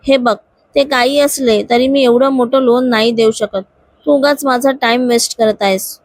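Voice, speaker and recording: A woman's voice: fairly high pitch, fairly even intonation, moderate pace, no echo, natural voice. A woman voicing a short-tempered male boss who snaps and speaks curtly. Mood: irritated. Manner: curt, irritated.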